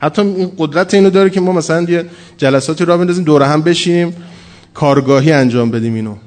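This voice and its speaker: A man preaching a sermon from a pulpit, telling stories with humor and acting out quoted dialogue. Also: on the high side. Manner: animated, humorous storytelling, acts out quoted dialogue. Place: mosque or religious hall at a pulpit.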